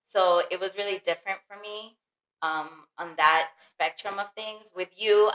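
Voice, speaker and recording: A woman talking in a warm, earnest, reflective way on a family podcast. Her voice sits a little low and sounds bright and forward. The room behind her rings with a noticeable echo. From the Bronx, New York. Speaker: mother and podcast guest. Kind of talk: casual family podcast chat. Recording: roomy echo.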